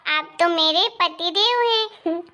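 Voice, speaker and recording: A woman's voice: extremely high pitch, slow, bright, forceful tone, heavily acted. A woman voicing a simple-minded young daughter-in-law in a cartoon story, childlike and cheeky.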